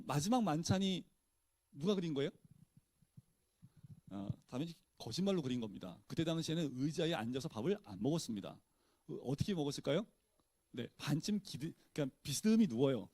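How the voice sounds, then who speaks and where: A man's voice: on the high side, warm tone, dry recording. A male pastor teaching a Bible study in a casual, conversational way, often posing questions to his listeners and answering them himself.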